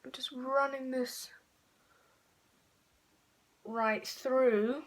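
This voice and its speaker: A woman's voice: high voice, fairly even intonation, extremely slow. A woman chatting her way through a makeup tutorial, rambling and correcting herself as she goes. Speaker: beauty vlogger.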